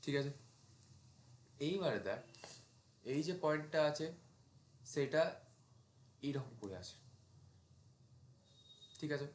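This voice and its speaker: A man's voice: a little high, lively intonation, slow, long pauses, roomy sound, a little hiss or hum. A man, teaching a math lesson in a casual classroom style and talking students through each step as he writes. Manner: talks students through steps while writing, asks them checking questions. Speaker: math tutor.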